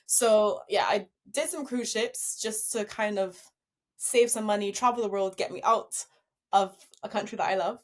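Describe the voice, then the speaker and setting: A young woman from Barbados, a professional dancer, telling her story as an interview guest, upbeat and quick to laugh. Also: mid-range voice. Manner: upbeat, laughs easily while telling stories.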